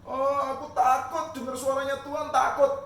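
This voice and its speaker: A man's voice: extremely high pitch, level tone, normal speed, fairly bright tone, slight background noise, pitched above the performer's own voice. A man voicing Adam, a frightened first man who repeats himself fearfully and blames others. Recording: echoey room, mic far off.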